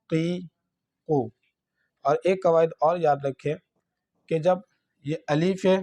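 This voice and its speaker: Mellow-voiced man teaching Quran reading. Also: fairly high pitch. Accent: Pakistani Urdu. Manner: drawn-out syllables in recitation drills. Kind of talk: slow spelled-out teaching lesson.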